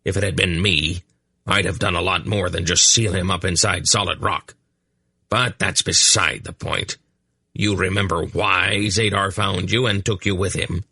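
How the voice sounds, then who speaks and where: A man's voice: low-pitched, fairly even intonation, unhurried, gravelly, sharp tone, breathy edge, no echo, full character voice. A man voicing a grumpy hunchbacked old male sorcerer in an audiobook, growling and blunt. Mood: scornful. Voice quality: growling, irascible.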